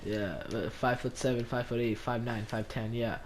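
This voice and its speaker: A man's voice: mid-range voice, steady tone, normal speed, slight background noise. A teenage boy casually telling a story to camera, rambling with lots of "like" fillers. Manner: rambling, heavy use of "like". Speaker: vlogger.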